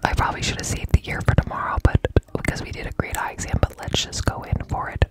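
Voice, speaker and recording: A woman doing a whispered ASMR ear cleaning role-play in a soft, breathy voice, chatting affectionately and informally with viewers and repeating little phrases. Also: fast. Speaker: ASMR live streamer and host.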